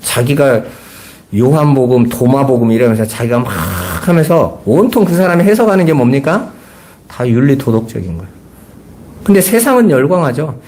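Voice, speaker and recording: A man's voice: mid-range voice, animated, normal speed, darkish tone. A middle-aged man preaching a Sunday sermon as pastor, earnest, asking his listeners rhetorical questions.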